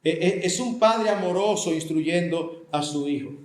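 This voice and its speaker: A man's voice: high voice, unhurried, reverberant. An older man with a Dominican Spanish accent, a pastor giving a conversational sermon that slips into acted family dialogue. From Dominican Republic. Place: church hall.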